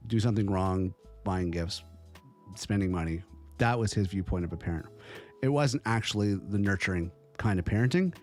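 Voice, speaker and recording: A man's voice: on the low side, darkish tone. A middle-aged man hosting a podcast, giving his opinions in an emphatic way and repeating phrases as he builds each point. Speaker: podcast host. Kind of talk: opinion monologue.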